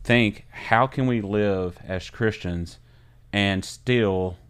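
A man hosting a faith-based interview speaks in a low, smooth voice and asks his questions in a measured, probing way. The sound is dry and close. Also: no room sound. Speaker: podcast host.

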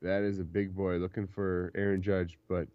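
A young man co-hosts a casual sports podcast, chatting and often laughing between points. His voice sits low with little movement in pitch and comes at a normal speed, in a dull, dry, lo-fi recording.

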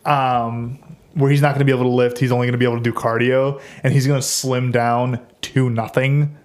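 A man's voice: medium pitch, flat delivery, brisk, a little mellow. A man with an ordinary mid-range voice bantering on a podcast. He speaks bluntly and swears freely. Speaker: podcast co-host. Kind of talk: casual chat.

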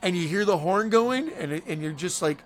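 A man's voice: high voice, lively intonation, fairly quick. A man in his forties casually joking through a movie commentary, crude and laughing often. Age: 40s. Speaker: podcast co-host.

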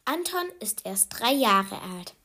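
Slow, gentle woman telling a kids' story. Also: on the high side, sing-song. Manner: gentle, addresses the listener directly. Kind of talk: children's story narration.

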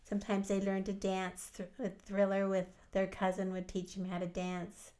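A woman's voice: medium pitch, completely flat delivery, moderate pace, warm tone. An older woman, a grandmother, reminiscing in casual chat and chiming in on her husband's stories.

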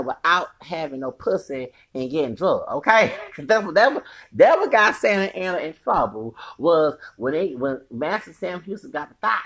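A man with a fairly high, creaky, slightly bright voice hosts a solo podcast, rambling through a profane rant. His voice sounds feminine, and he keeps laughing and breaking into sing-song asides.

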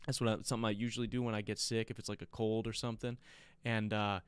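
An American man hosts a solo podcast in a rambling, conversational way, circling back over his words. His voice sits a little low and is very clean and resonant, yet congested with a sick, blocked nose. The recording is dry and close. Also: flat delivery, fast talker, clean tone, dry recording. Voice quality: congested, stuffy-nosed. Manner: rambling, conversational, repeats himself. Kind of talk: casual chat to listeners.

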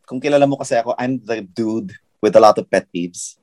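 A man's voice: fairly low pitch, a little fast, darkish tone, no room sound. A man, a podcast guest who trains people in English, talking in casual Taglish and explaining pronunciation carefully.

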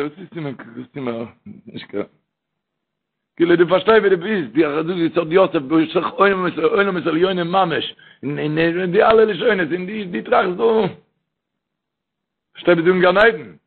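Yiddish-accented guy preaching fast, slightly high voice, sounds like a tinny phone recording. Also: gravelly. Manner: rambling, repetitive, addresses the listener with "verstehst du".

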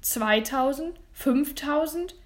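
A woman voicing a flustered middle-aged male auctioneer who calls out bids loudly and eagerly, read as a storybook. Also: high-pitched, slow. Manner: loud, eager auction calling.

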